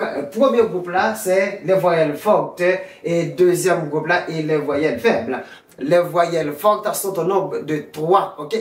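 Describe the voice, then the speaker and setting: A teacher talks slowly and deliberately, with plenty of repetition. The voice sits back from the mic in an echoey room. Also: mid-range voice. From Haiti. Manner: repetitive drilling, spells words out slowly and repeats them. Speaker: Spanish teacher. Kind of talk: classroom lesson. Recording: roomy echo, distant from the mic.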